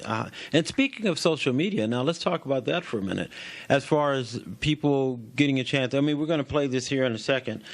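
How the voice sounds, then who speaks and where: A man hosting a radio interview in a casual, chatty, rambling way with a jokey streak. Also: medium pitch. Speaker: radio show host.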